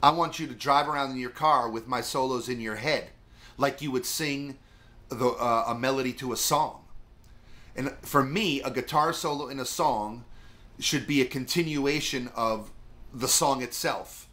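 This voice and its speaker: A middle-aged man explains guitar solos in a loose, chatty way and wanders off on tangents. His voice has a bright, forward edge, and his pitch sits in an ordinary middle range. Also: normal speed. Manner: rambling, chatty, lots of fillers. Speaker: music teacher. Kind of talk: casual video guitar lesson.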